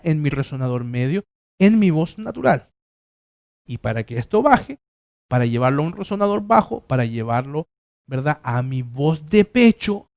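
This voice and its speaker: A man teaches a singing lesson in a fairly high speaking voice. He explains patiently and restates each point in several ways. Now and then he stops to sing a held vowel as a demonstration. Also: darkish tone. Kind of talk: vocal lesson with sung demonstrations.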